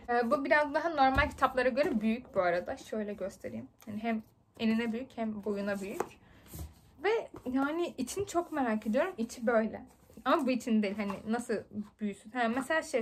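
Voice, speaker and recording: A woman in her twenties chatting very fast and excitably while unboxing books for her vlog. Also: sits high, slight background noise. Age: 20s. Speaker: book vlogger. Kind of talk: casual unboxing chat.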